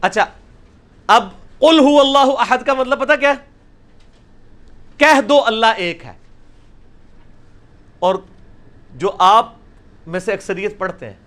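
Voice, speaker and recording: A man's voice: sits high, a bit bright. A man teaching Quran recitation in a classroom lecture at a blackboard, explaining patiently and often checking in with his listeners.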